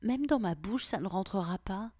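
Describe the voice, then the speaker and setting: A woman voicing an adult female lover in an audio story, soft and playfully protesting. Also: mid-range voice, animated, normal speed, dry recording, pitched above the performer's own voice, natural voice. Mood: coy, teasing.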